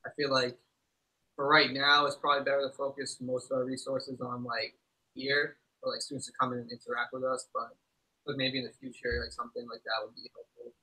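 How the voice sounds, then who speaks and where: Man, flat delivery, very bright tone, student, easygoing casual talk. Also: medium pitch, a little fast, low-quality recording. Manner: frequent "like", easygoing. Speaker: student help desk member. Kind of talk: casual discussion.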